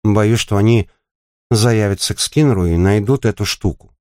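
A man's voice: fairly low pitch, moderate pace, darkish tone, dry recording, studio quality, natural voice. A man doing a scared pleading young woman. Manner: pleading, tense. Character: frightened young female bike courier, pleading.

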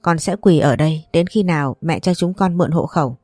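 A woman's voice: deep voice, fairly quick, darkish tone, no room sound, clean studio sound, soft background music. A woman voicing a humble young mother who pleads and apologizes. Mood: pleading.

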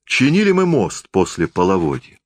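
A man reading a folksy tale aloud in a warm, conversational storytelling manner. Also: deep voice, huge pitch swings, moderate pace, no echo, studio quality. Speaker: reader.

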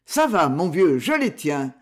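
A big, good-natured miner from a storybook, steady and reassuring toward his hurt partner, voiced by a male narrator. The voice is fairly high and lively in its rise and fall. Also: measured pace.

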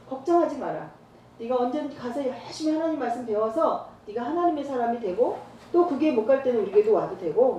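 A middle-aged woman evangelist telling stories in a church training talk, acting out the dialogue. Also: on the high side. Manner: storytelling, acts out dialogue with lively voices. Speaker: evangelist preacher. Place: church hall. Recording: roomy church hall, far from mic, faint noise.

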